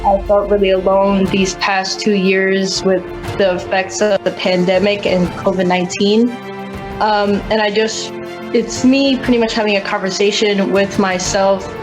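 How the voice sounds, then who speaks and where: A woman's voice: medium pitch, little pitch movement, measured pace, music in the background, rough recording. A teenage girl speaking sincerely and plainly about her entry. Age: teens. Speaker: student award winner.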